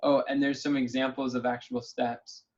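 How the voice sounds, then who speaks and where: A man's voice: medium pitch, level tone, normal speed, darkish tone. Man leading a lo-fi online planning call. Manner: thinking aloud, upbeat. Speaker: meeting leader. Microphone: video call. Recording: dull lo-fi call audio.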